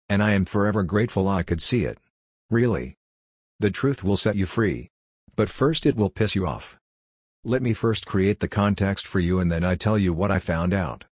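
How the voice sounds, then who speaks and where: A man's voice: deep voice, breathy edge, dry recording, clean studio sound. A man speaking as a life coach in a reflective self-help monologue, earnest and talking straight to the listener. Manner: earnest, direct, addresses the listener.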